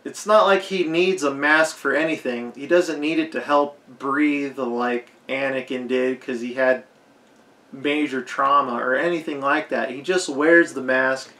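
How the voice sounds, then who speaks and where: A man with a hoarse, fading voice giving a rambling, unscripted movie commentary, leaning hard on "like". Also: mid-range voice, slow pace, pushed and bright. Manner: rambling, heavy use of "like". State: hoarse, losing his voice. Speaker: film commentator. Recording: echoey roomy recording.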